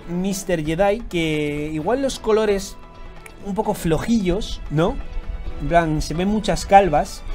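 A young man with a Spanish accent from Spain, giving casual, slangy reaction commentary with loud excited outbursts. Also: high-pitched. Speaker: YouTuber reviewing fan tattoos.

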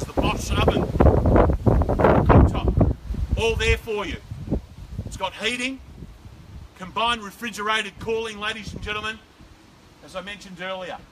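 A middle-aged Australian man with a voice that sits high calls a live property auction outdoors on a suburban front driveway, delivering persuasive sales patter and rhythmic bid calls. Background noise is audible, and it's captured from a far camera with no visible mic.

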